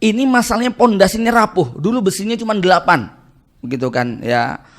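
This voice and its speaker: Animated higher-voiced male preacher. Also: a little fast. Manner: conversational, tags nearly every phrase with "ya" and "gitu kan"; animated, jumps between stress and quiet asides. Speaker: Islamic preacher and family counselor. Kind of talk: casual Islamic study lecture.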